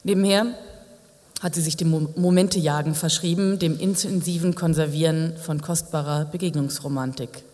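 A man's voice: on the high side, steady tone, moderate pace, darkish tone. Man narrating a novel with wry asides. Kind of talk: audiobook narration. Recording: long hall reverb.

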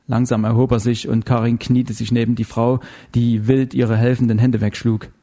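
A man narrating an audiobook in a measured, dramatic way. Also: medium pitch, flat delivery, warm tone. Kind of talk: scripted narration.

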